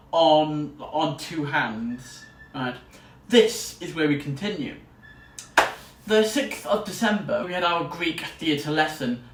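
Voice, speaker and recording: With a fairly high, somewhat bright voice, a young man who vlogs as a student rambles eagerly in a casual chat to camera. Faint noise and roomy echo come through a distant microphone.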